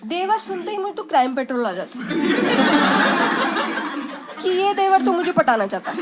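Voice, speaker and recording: High-voiced woman doing brash stand-up. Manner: brash and conversational, mixing in English phrases. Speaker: stand-up comedian. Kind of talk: stand-up comedy set. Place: stage before a live audience. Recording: loud background noise.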